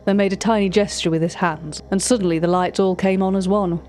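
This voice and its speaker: Faint music plays behind a woman whose natural, medium-pitched voice is steady, fairly quick and darkish in tone. Reading scripted narration for an audio drama, she voices a cultured art-catalogue narrator describing uncanny encounters with formal precision and dry opinions. The atmosphere is quietly uneasy and wry.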